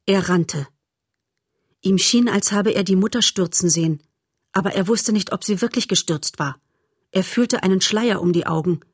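A woman narrating a storybook in a measured, calm way. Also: mid-range voice, husky, dry recording, studio quality. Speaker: audiobook narrator.

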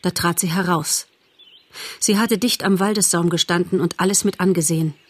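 A woman narrating a children's animal story in a measured, expressive audiobook reading. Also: lowish voice, dry recording.

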